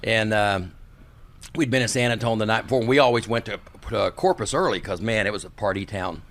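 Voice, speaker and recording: A man's voice: lowish voice, fairly quick, fairly bright tone. A man chatting casually and telling anecdotes as a podcast guest. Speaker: podcast guest, business owner, former referee.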